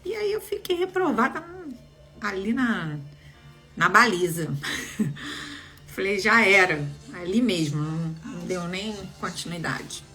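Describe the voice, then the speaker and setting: A young adult woman, casually telling viewers a personal story in an animated, expressive way. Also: medium pitch, slow, pauses often, soft background music. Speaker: vlogger sharing a personal story.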